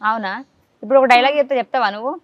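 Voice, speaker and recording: A woman interviewing a child in a casual chat, coaxing answers out of them with quick questions. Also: on the high side, dry recording. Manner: coaxing, rapid-fire questions. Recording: dull lo-fi dry sound.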